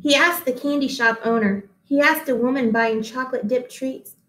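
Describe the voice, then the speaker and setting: Recorded in a small, hard-walled, office-like room with clear echo and a bit of hiss or hum, this clip has a woman in her thirties, a teacher, reading a storybook to children at home. Her somewhat high voice is expressive and careful at normal speed, and she makes asides to her young listeners.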